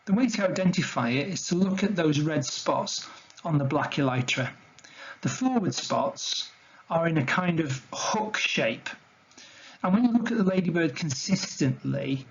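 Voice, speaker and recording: A man's voice: a little high, muffled recording, slight background noise. A man giving an illustrated talk on wildlife to slides, in an informal, conversational way. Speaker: wildlife educator presenting a talk.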